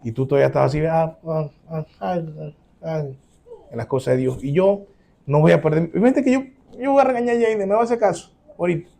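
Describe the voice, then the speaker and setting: A man preaching as a pastor, emphatic, acting out quoted voices with sudden loud rises, then closing in prayer. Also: high-pitched, rapid-fire, creaky. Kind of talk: sermon.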